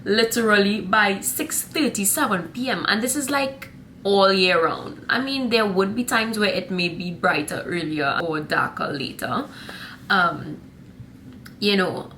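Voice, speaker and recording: The speaker, a young woman vlogger from Trinidad and Tobago with a Trinidadian accent, talks casually to camera, rambling and sassy, with honey and y'all for her viewers. She's unhurried, with a mid-range, fairly bright voice, over a little hiss or hum.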